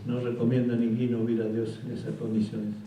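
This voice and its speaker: A man's voice: mid-range voice, level tone, a little fast, warm tone. An older man from Chile preaching a testimony sermon, speaking Spanish mixed with words and building to exhortation, recorded from a distance in a large hall. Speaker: pastor. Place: large hall at a pastors' conference. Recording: very echoey hall, distant mic, faint noise.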